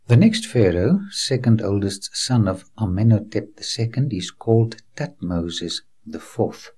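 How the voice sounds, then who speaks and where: A man's voice: fairly low pitch, lively intonation, unhurried, a little mellow, breathy edge. A man presenting a documentary in scripted narration, breaking off to preach and speaking straight to the viewer as a friend, earnest and reassuring. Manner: guides the viewer like a tour guide on location.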